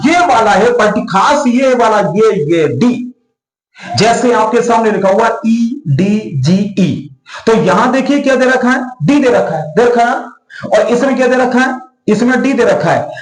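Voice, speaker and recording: Man, Hindi accent, high voice, teaching English, echoey room. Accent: Indian, Hindi-speaking. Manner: repetitive, questioning, addresses students as beta. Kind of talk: classroom lesson explaining pronunciation.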